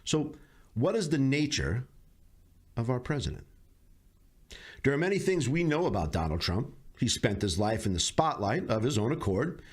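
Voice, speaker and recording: A man hosting a podcast, giving a measured closing monologue of political commentary with dry sarcastic asides. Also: mid-range voice, expressive, husky. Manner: measured, deliberate delivery with slow emphatic pauses. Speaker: podcast host.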